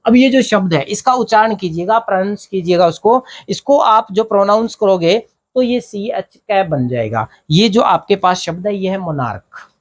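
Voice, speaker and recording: भारतीय लहजे वाला पुरुष शिक्षक, सवाल-जवाब शैली. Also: male voice, sits high, expressive, normal speed, hardly any pauses. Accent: Indian. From India. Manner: explains step by step, asks and answers his own questions. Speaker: English teacher. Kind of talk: blackboard grammar lesson.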